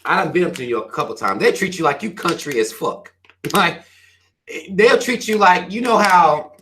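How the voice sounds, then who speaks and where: A man from the Carolinas with a Southern American accent, talking in a loose, profane livestream rant. His voice sits a little high for a man and comes across bright and forceful, with a hard, blunt edge. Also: animated, moderate pace, slight background noise. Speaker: channel host reading viewer comments.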